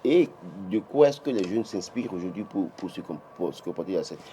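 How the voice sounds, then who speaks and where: A low, expressive voice with a dark tone comes from a man with a Beninese French accent, speaking briskly over a little hiss or hum. He's giving political commentary on a morning TV press review, emphatic throughout, with many restarts and a rise whenever he insists.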